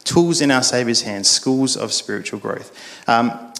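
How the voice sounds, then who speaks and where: A man's voice: mid-range voice, unhurried, creaky, fairly bright tone. Casual male preacher. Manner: casual storytelling, frequent fillers and restarts. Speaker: pastor. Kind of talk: sermon.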